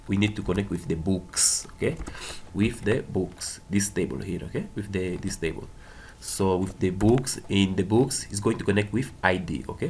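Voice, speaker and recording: A man with a Portuguese accent, a native speaker of the language, walks through code casually step by step, frequently repeating himself and tacking on brief tags to check in. His voice is on the low side and a little mellow, over clear sounds of keyboard typing and clicking.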